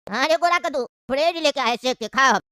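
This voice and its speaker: A woman voicing a scheming old uncle in a cartoon, coaxing and evasive, over loud background noise. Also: high-pitched, expressive, a little fast. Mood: sly. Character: scheming old male uncle, tea-maker.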